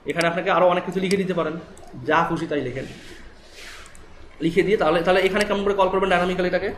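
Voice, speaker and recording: Fast-talking Bangladeshi Bengali man teaching. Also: high voice, fairly even intonation, slight background noise. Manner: rapid, explanatory, asks students checking questions. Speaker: web development instructor. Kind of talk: live classroom coding lesson. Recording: echoey room with faint ambience.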